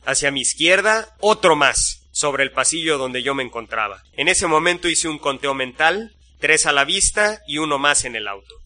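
A male narrator tells a first-person story in a steady, suspenseful way. His voice is very bright and sits a little high. He keeps an even, measured flow as he narrates.

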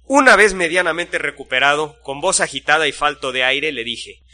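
Bright-voiced male storyteller. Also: fairly high pitch, normal speed. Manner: steady, suspenseful storytelling. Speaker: narrator. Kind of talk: first-person story narration.

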